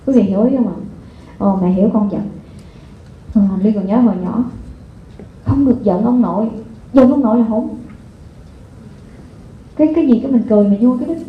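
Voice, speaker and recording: A woman giving a live parenting seminar, talking lively and constantly asking the audience rhetorical questions. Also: fairly high pitch, fairly quick, long pauses. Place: lecture hall before an audience. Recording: echoey hall over a phone-like line, faint noise.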